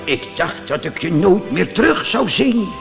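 A man voicing an old male woodcarver, a gentle father, in a storybook reading. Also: high-pitched, sing-song, a little slow, gravelly, in a large hall, over music, voice pushed up, heavily acted. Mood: tender.

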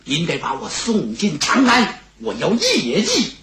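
Bold young warrior, earnest and forceful, lively pitch, voiced by a male storyteller. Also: a little slow, roomy sound, full character voice. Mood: pleading.

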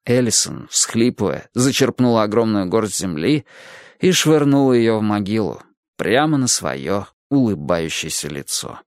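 A man narrating an audiobook in an expressive storytelling manner. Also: on the low side, smooth, dry recording, clean studio sound. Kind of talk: audiobook reading.

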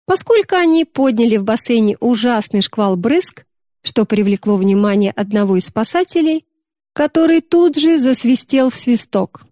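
A woman narrating a novel in a smooth, expressive storybook reading. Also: a little high, dry recording, studio quality.

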